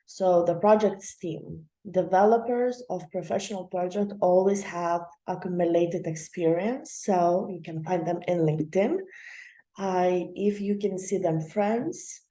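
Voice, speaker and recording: Woman, young adult, low mellow voice, casual chatty host, roomy echo. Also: a little slow. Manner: chatty, loose, many fillers and laughs. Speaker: channel host. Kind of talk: casual explainer talk.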